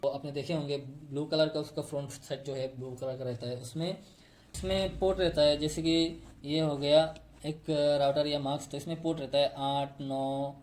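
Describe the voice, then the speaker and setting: A man's voice: on the high side, steady tone, normal speed, darkish tone, slight background noise. A man explaining step by step how fiber optic cables are tapped and connected, pointing to a diagram he drew. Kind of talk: technical tutorial.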